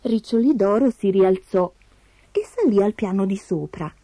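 A woman reading a fairy tale aloud expressively, slowing down for suspense. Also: medium pitch, lively intonation, dark tone, no room sound. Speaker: storyteller.

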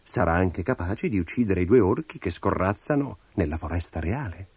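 A man voicing a fearful, scheming king who mutters quietly to himself, with music behind. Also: lively intonation, normal speed, breathy edge, no room sound, clean studio sound, heavily acted. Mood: musing. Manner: low, muttering, hushed. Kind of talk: storybook narration. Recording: music in the background.

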